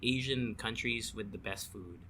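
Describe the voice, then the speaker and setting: A man co-hosts a relaxed podcast chat, his voice bright and forward. He talks loosely and laughs often, with a faint hiss under the recording. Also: on the low side, unhurried. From Philippines. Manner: chatty, breaks into laughter, reads a list aloud. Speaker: podcast co-host. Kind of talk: casual chat.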